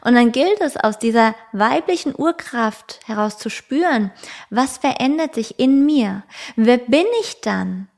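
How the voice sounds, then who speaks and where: A woman hosting a podcast in a calm, reflective spiritual tone, speaking straight to the listener and sometimes dropping to a soft whisper. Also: fairly high pitch, vocal fry. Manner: calm, slow, addresses the listener directly, drops into soft whispers. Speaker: podcast host.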